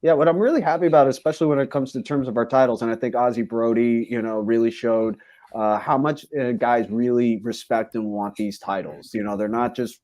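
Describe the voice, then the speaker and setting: A man's voice: mid-range voice, a little mellow, no room sound. A man from a fight promotion, a podcast guest, talking at length in a casual interview with many fillers. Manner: talkative, rambling with many fillers.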